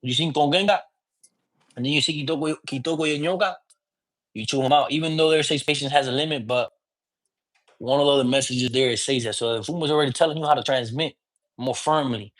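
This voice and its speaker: A priest teaching divination explains things casually, his mid-range voice quick and a little bright. He keeps it informal, slipping in Spanish words and often checking in with "you get me?"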